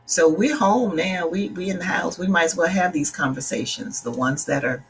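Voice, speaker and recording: A woman's voice: on the low side, moderate pace, a little hiss or hum. A middle-aged woman from the Bahamas, a life coach talking casually to her live-stream viewers in an earnest, direct way and greeting them by name. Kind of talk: casual livestream talk.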